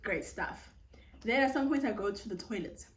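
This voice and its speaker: A young South African woman with a South African accent, telling a casual storytime vlog, animated and code-switching as she acts out the dialogue. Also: mid-range voice, normal speed, a little hiss or hum. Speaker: YouTuber. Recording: roomy, slightly distant mic.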